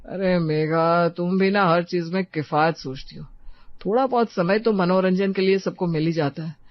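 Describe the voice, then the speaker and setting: An actor voicing a caring young husband who speaks gently and coaxingly to his wife. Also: high voice, moderate pace, no room sound, dull audio, natural voice.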